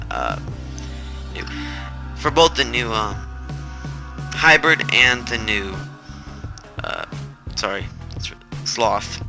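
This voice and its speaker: A man hosting a gaming channel, rambling and correcting himself in a flat, robotic-sounding delivery while he sounds stressed. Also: mid-range voice. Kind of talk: casual gameplay commentary. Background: game music.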